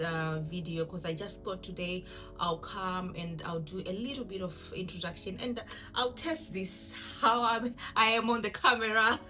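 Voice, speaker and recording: Here the same kind of speaker, a Zimbabwean woman in her thirties who cooks on her vlog, chats to camera in a lowish, sharp voice. She introduces herself casually, giggling and poking fun at herself.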